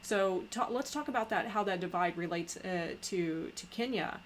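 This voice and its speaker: A woman hosting a podcast in casual conversation, talking haltingly with many pauses and restarts. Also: mid-range voice, slight background noise. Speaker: podcast host.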